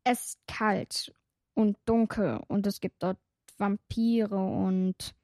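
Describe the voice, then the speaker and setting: A woman's voice: mid-range voice, steady tone, slow pace, darkish tone, no echo, studio quality. A woman voicing a timid young female vampire from far away who talks hesitantly and stammers. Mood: earnest.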